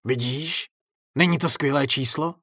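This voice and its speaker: A man voicing a menacing, theatrical male circus clown in a story read aloud, with a husky, mocking showman's sing-song. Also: medium pitch, fairly bright tone, no room sound, clean studio sound, pitched above the performer's own voice. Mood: taunting.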